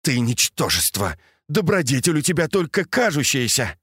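A man playing a sharp-tongued noble lady. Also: a little high, sing-song, normal speed, no echo, studio quality, voice pushed up. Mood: furious scolding. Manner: scolding, biting, mocking questions. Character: proud, sharp-tongued noblewoman of a grand household. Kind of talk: audiobook reading.

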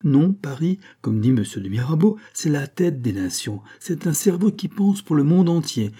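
A man's voice: fairly high pitch, very animated, moderate pace, mellow, husky, voice pushed up. A man voicing a boastful young villager who lectures his neighbours in an emphatic, pompous way. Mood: lecturing. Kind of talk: audiobook character voice.

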